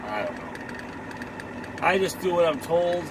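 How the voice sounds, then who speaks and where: A man's voice: fairly high pitch, big pitch swings, a little slow. A man in his forties, a truck driver vlogging from his cab on a headset mic, talking casually with wry sing-song asides and some grumbling. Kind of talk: casual vlog narration. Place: inside a truck cab while driving. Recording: road noise in a truck cab. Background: engine and road noise.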